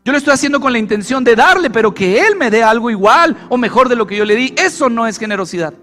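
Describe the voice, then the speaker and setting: A man's voice: extremely high pitch, lively intonation, fast talker, sharp tone, soft background music. A male pastor preaching a sermon, repeating key phrases and putting questions to the congregation. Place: church.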